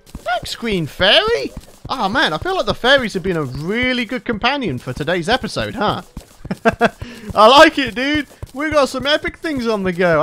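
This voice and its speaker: A young man with a high, slightly bright voice hosts a regular gaming channel, chatting cheerfully through a let's play, laughing often and talking to viewers, with a little background noise. His voice sounds tired from recording late at night, but he stays chatty and upbeat.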